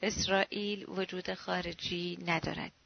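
A woman reads out a frightened, paranoid man who insists he knows better, his voice gravelly and sly. The recording is dull and lo-fi with a dry, close sound. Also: fairly low pitch, fairly even intonation, no room sound. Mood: knowing. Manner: pleading, then knowing and suspicious. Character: frightened paranoid male camp survivor.

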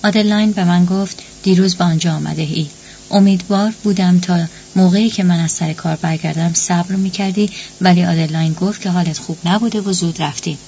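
A woman's voice: fairly low pitch, steady tone, mellow, lightly acted. A woman narrator voicing a blunt, persistent man who pushes his way into the conversation. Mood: insistent. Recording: dull lo-fi recording with faint hum.

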